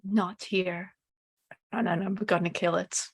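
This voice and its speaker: A woman playing a tabletop role-playing game, casually describing her moves in halting bursts full of "like". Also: on the low side, fairly even intonation, breathy edge, no echo, studio quality. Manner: halting, filler-heavy, frequent "like". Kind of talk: casual improvised role-play chat.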